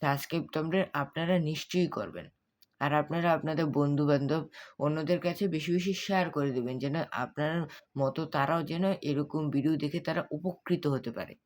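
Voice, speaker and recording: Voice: medium pitch, moderate pace. A language teacher giving a spoken lesson, repeating words and spelling them out letter by letter while quizzing the viewers. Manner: repetitive, drilling pronunciation. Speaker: English teacher.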